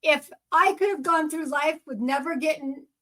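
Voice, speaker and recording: A woman with a somewhat high voice co-hosts a casual podcast discussion. She argues her reading of the text with firm, opinionated emphasis, reasoning aloud as she goes. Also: moderate pace, bright, forceful tone. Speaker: podcast co-host.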